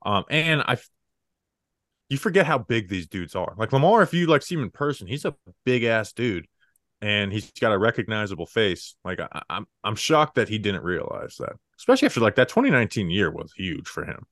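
A young man co-hosting a relaxed sports chat, his lowish voice lively and rising and falling as he leans on "like" between thoughts. The sound is dry and close. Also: a little fast, dry recording. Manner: casual, filler-heavy with lots of "like". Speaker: podcast co-host. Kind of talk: casual sports talk.

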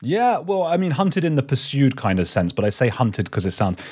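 A man's voice: medium pitch, sing-song, normal speed, a little mellow, breathy edge. A man, a documentary maker, telling rambling, self-deprecating stories in a casual chat as a guest.

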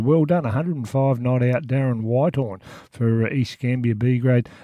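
A man with an Australian accent reports local sport in a soft, mellow voice. He talks colloquially, as in a chatty radio round-up, and the sound is close and dry. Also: mid-range voice, dry recording. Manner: colloquial, jokey nicknames and slang.

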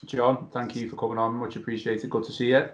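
A man hosts a casual fan podcast over a Skype video call, his medium-pitched voice fairly flat and a little fast. The call microphone gives dull, lo-fi internet audio.

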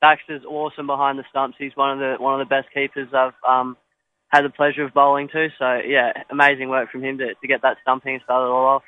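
A man's voice: medium pitch, flat delivery, quick pace, clear, resonant tone, no echo. A young man answering interview questions modestly, with many fillers and restarts. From Australia. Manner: hesitant, filler-heavy, modest. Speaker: cricketer. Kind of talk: post-match interview. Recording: tinny phone line.

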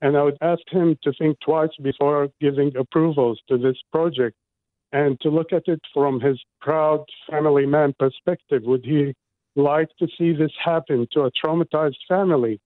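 A man's voice: fairly high pitch, fairly even intonation, normal speed, no room sound. A man from Iraq, a guest on a radio interview, speaking earnestly and indignantly about his home. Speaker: guest, resident. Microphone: phone. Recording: dry tinny phone line.

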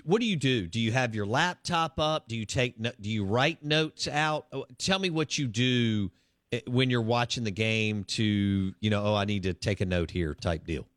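A man's voice: mid-range voice, a bit bright, no echo, studio quality. A man hosting a casual morning sports radio show, chatting and rambling with lots of fillers. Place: radio studio.

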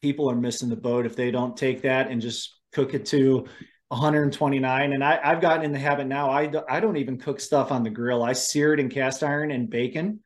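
A man hosting a casual chat, telling animated stories about cooking wild game and laughing often. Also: mid-range voice, brisk. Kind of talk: casual conversation.

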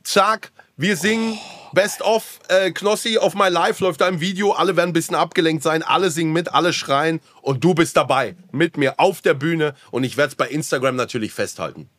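A man with a slightly raised pitch, bantering loudly and joking through a casual game show chat. The sound is dry and close to the mic. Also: fairly quick, no room sound. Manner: boisterous, joking. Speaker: podcast co-host.

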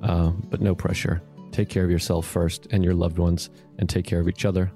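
A man hosting a casual podcast, talking in a relaxed, reflective way and swearing now and then. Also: deep voice, a little fast, soft background music. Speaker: podcast host.

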